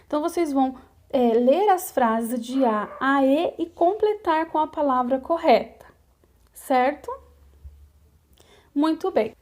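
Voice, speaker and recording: Slow, high-voiced Brazilian woman teacher. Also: lively intonation, a little mellow, a little hiss or hum. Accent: Brazilian Portuguese. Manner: patient, explains step by step with frequent "né?" and "tá?". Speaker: primary school teacher. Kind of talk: recorded video lesson.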